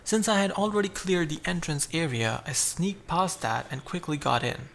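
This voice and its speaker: A man's voice: a little high, animated, moderate pace, vocal fry, a bit bright, slight background noise. A man narrating his own survival game playthrough, chatty and explaining each move as he goes. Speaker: gameplay narrator.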